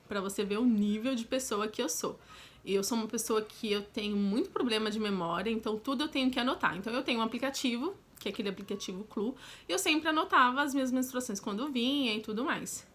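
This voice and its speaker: This young woman vlogger, who has a Brazilian Portuguese accent, speaks quickly and expressively in a slightly high, fairly bright voice. She tells a personal story casually and directly, frequently speaking to the viewer on the side.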